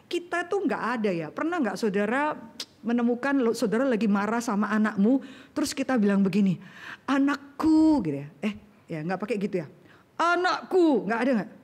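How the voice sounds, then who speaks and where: A middle-aged woman preaching a sermon, animated and acting out voices in everyday slang. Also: fairly high pitch. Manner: animated, acts out voices in colloquial Jakarta slang.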